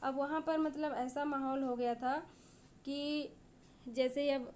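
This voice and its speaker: A woman's voice: sits high, fairly even intonation, slow, a little mellow, slight background noise. A woman teacher explaining a classic Hindi poem line by line, reading verses and then paraphrasing them with frequent fillers. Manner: reads verses aloud, then paraphrases in plain words with many fillers.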